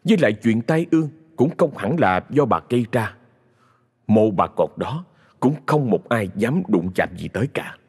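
Husky male horror storyteller. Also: on the low side, moderate pace. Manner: dramatic, expressive. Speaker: narrator.

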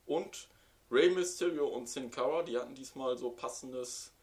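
A man's voice: medium pitch, normal speed, darkish tone. A man co-hosting a casual podcast chat, recounting events with dry, teasing banter. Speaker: podcast co-host. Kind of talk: casual wrestling review chat.

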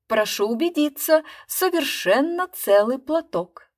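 A woman's voice: sits high, animated, a little slow, voice pushed up. A woman voicing a nervous, shabby male stage magician with a trembling, apologetic patter. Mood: showman patter.

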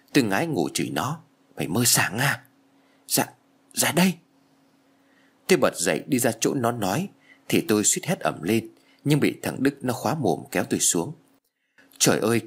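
A man narrating a first-person ghost story in an expressive reading. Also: on the low side, husky.

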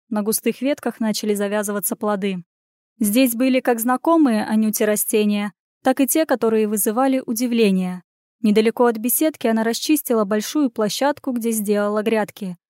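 A woman reading a fantasy novel aloud as an audiobook narrator, in a steady, even storytelling manner. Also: a little high, dry recording, studio quality.

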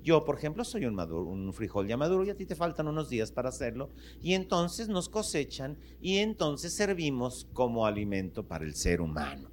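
A pompously earnest father bean, voiced by a Mexican comedian, explains life to his son in a slow, lecturing tone. The voice sits a little lower and calmer than the storyteller's usual delivery. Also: slight background noise, lightly acted. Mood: solemn. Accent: Mexican Spanish. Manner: solemn, lecturing.

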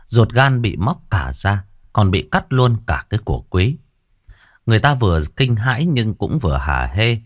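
A man narrating a ghost story in an expressive, dramatic storytelling manner. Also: fairly low pitch, dry recording, studio quality.

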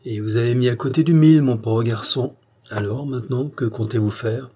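A man reading the part of a gruff, fatherly police chief who lectures his young inspector brusquely. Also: medium pitch, brisk, mellow, natural voice. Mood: stern.

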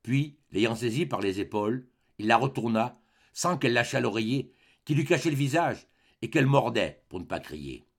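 A male audiobook narrator reading a classic novel with measured, dramatic phrasing. His pitch moves expressively through each sentence, and a gravelly texture creeps in when he drops low. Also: lively intonation. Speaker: audiobook reader. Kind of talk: scripted literary narration.

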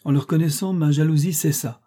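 Man voicing a brooding middle-aged gentleman, bitter, declamatory, very dark tone, breathy edge. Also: a little high, fairly even intonation, fast talker, pitched above the performer's own voice, close to an everyday voice. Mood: recounting.

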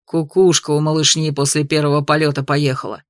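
A brash, gruff young male dragon from a storybook, as a woman narrator puts him on, his voice pushed well below hers. He teases and scolds with rough, cocky swagger and turns gentle and loving, all in a dry, close recording. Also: sits low, level tone, a little fast, no echo, voice pushed down, lightly acted. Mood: angry. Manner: gruff and mocking, later soft and loving. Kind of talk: audiobook character voice.

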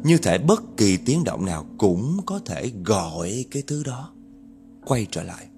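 A man's voice: lowish voice, big pitch swings, a little slow, mellow, faint music behind. A man telling a spooky story dramatically and speaking directly to his listeners. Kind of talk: spoken horror storytelling.

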